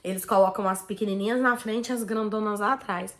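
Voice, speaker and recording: Speaking fairly quickly in a mid-range voice, a woman vlogger from Brazil shares a personal story with her viewers. Her Brazilian Portuguese accent comes through in a lively, talkative delivery dotted with "né" and "tipo assim."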